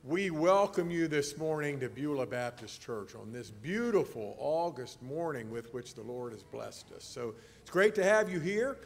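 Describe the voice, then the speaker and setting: A man leading a church service, welcoming the congregation and praying in an earnest, measured, formal way. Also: mid-range voice, expressive, gravelly. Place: church sanctuary. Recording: long church reverb.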